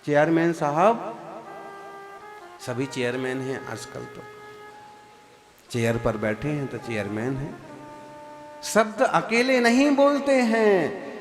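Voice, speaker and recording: A man's voice: fairly high pitch, very animated, takes it slowly, pauses often, in a large hall, over music. A man, a Jain monk, giving a sermon to a seated congregation, asking them rhetorical questions and sometimes slipping into a chant. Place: large hall before a seated congregation.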